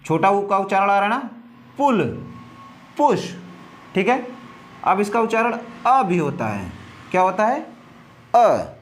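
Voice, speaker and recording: A man teaching English letter pronunciation, slowly repeating words and asking questions he answers himself. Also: high-pitched, big pitch swings, fairly bright tone. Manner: slow, repetitive, asks questions and answers them.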